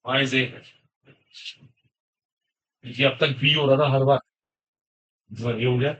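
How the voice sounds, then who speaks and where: A man's voice: medium pitch, fairly even intonation, slow, a bit bright, highs cut off. A man teaching chemistry to a class, questioning students and repeating key points. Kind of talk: classroom lecture.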